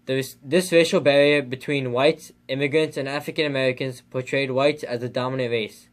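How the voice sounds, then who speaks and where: A man reads scripted narration aloud. His voice is average in pitch and his delivery is plain and report-like. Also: steady tone, brisk.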